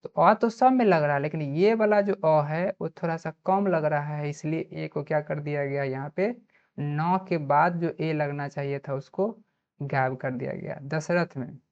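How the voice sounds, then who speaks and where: Her voice is low-pitched and a little mellow, moving at a normal pace, as this Bihari-accented woman teaches grammar online. She poses questions and then answers them herself, spelling words letter by letter. The audio sounds dull and lo-fi.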